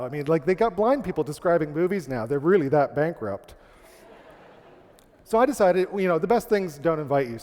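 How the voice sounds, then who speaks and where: Man, stage storyteller, comic, self-deprecating, slightly high voice, reverberant hall. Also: darkish tone. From Canada. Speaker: speaker.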